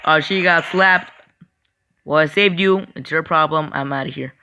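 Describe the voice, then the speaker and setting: A young man giving casual, chatty gameplay commentary, excitable and apologetic, talking straight to his viewers. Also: a little high, moderate pace, smooth. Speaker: gaming channel host.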